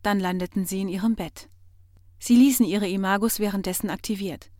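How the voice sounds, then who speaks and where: A woman reading a science fiction audiobook in a measured, expressive narration. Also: mid-range voice, dry recording, clean studio sound. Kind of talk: scripted narration.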